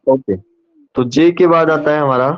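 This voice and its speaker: A man's voice: fairly high pitch, unhurried, muffled recording, slight background noise. Patient man teaching an online class. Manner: patient, repeats and checks understanding. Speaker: online tutor.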